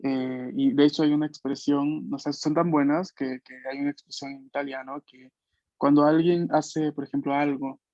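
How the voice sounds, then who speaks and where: Guy teaching an online class, kinda high voice, patient, keeps asking if u got it, dry dull call audio. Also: flat delivery, normal speed, darkish tone, no room sound. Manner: patient, explanatory, frequent "¿no?" tags. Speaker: language teacher. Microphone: video call.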